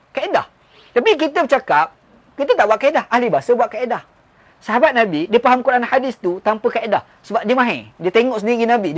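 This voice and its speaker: A man with a Malaysian Malay accent teaching a religious lesson. His voice sits high and he talks quickly, pressing points with stories and rhetorical questions. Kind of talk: religious lecture.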